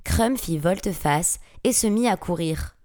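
A woman narrating a fantasy audiobook with dramatic, expressive storytelling. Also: on the low side, a little slow. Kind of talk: audiobook reading.

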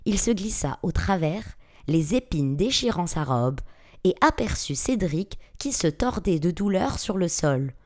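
A woman narrating a fantasy audiobook with dramatic, expressive storytelling. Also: on the low side, measured pace. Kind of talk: audiobook reading.

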